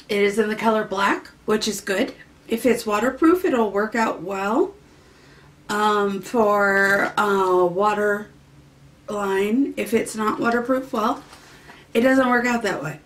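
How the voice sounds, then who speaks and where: Slow, chatty woman unboxing makeup. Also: mid-range voice, fairly bright tone. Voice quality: occasional sing-song voice. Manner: chatty, rambling, easily delighted. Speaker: beauty vlogger. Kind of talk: casual unboxing chat.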